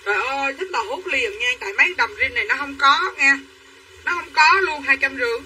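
A woman's voice: high voice, lively intonation, a little fast, pushed and bright. A woman, selling dresses on a livestream in chatty sales patter to her viewers. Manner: chatty, addresses viewers as sisters. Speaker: livestream clothing seller. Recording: from a distance, faint room noise.

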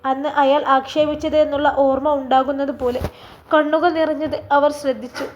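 A woman from Kerala narrating an emotional story in a soft, earnest manner. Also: sits high, flat delivery, moderate pace, lo-fi sound, background noise.

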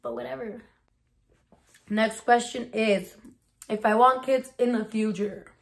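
With a fairly high pitch, a steady tone and some vocal fry, a woman in her twenties speaks at a measured pace in a bedroom Q&A vlog. She films herself on a phone camera at arm's length in a small room, chatting casually with slang and Spanish words mixed in.

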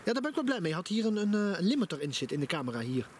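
A man gives enthusiastic, casual vlog commentary by a campfire in a forest at night, filmed on a handheld camera with noisy outdoor audio. His voice is high, very animated and very fast.

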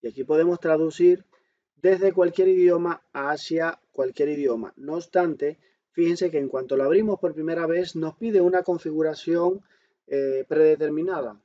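On the high side and dark in tone, this instructor's voice narrates a smartphone tutorial that he demonstrates step by step. It's an explanatory voice-over on a screen recording, full of questions he answers himself, and the audio comes across dull and lo-fi.

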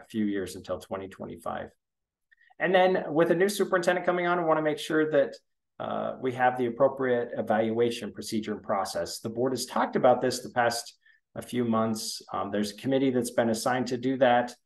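A man's voice: medium pitch, vocal fry. A middle-aged man, a school superintendent, walking through a board meeting agenda over a screen share in an informal, explanatory way, with frequent ums and restarts. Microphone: computer webcam mic.

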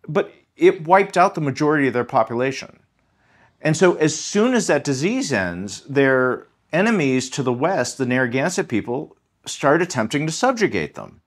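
A man with a sing-song voice on the high side speaks at a moderate pace as a history professor and podcast guest. In the interview he explains things in an emphatic, articulate, scholarly way.

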